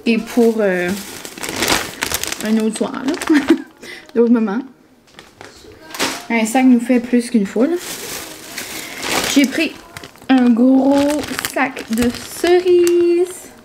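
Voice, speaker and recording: A woman's voice: on the high side, very slow, long pauses, noisy background. A young woman with a Québécois accent, chatting casually to camera, rambling with lots of filler words. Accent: Québécois French. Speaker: vlogger. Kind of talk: casual vlog chat. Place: café, then home.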